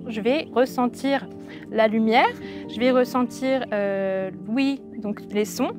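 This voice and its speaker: A woman's voice: on the high side, takes it slowly, music in the background. A woman in her thirties speaking reflectively in a documentary interview, with frequent hesitations. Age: 30s.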